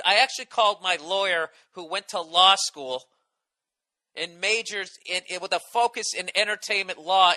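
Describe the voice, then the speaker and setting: A man's voice: sits high, bright, forceful tone. A man in his forties with a Boston accent, ranting and swearing on his solo podcast, exasperated. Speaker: podcast host.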